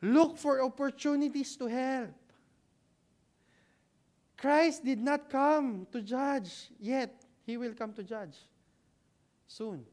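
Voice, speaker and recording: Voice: high-pitched, slow pace, long pauses, a little mellow. A preacher giving a conversational sermon in a church hall, posing questions and answering them, checking in with the congregation and adding humorous asides. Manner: rhetorical, asks and answers own questions with frequent "right?".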